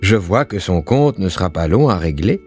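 A man's voice: deep voice, very animated, normal speed, darkish tone, husky, faint music behind, exaggerated voice. A wry old Saint Peter, read by a man. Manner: wry, fond.

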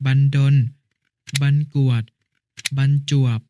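A man's voice: slow, background noise, close to an everyday voice. A man playing a patient older brother who explains a lesson step by step in an educational cartoon.

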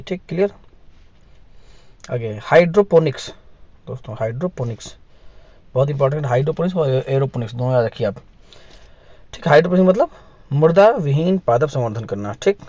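A man leads an exam-prep quiz lesson with a mellow, dark tone, posing questions and then answering them himself. The recording is dry and a little dull and lo-fi. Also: medium pitch, no echo. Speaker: teacher. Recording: dull, slightly lo-fi sound.

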